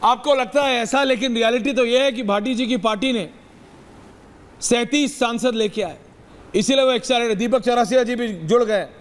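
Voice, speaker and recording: A man's voice: very high-pitched, normal speed, long reverb tail. A man anchoring a TV debate, emphatic and mixing English phrases into his speech. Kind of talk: TV debate hosting.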